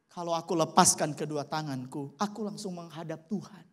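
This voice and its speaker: A preacher acting out a panicked man hanging from a tree, pleading and shouting to God for rescue. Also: medium pitch, brisk, lightly acted. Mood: desperate pleading.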